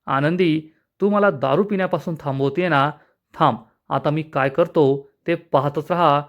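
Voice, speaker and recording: A man's voice: a little high, unhurried, muffled recording. A man reading out the lines of a boastful, bullying man from a TV serial, in a jeering tone. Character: drunken, bullying grown man of the house.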